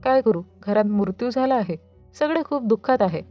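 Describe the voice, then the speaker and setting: A woman's voice: a little high, expressive, normal speed, no echo, highs cut off, faint music behind, natural voice. A woman voicing a reassuring older woman of the household with a soothing manner.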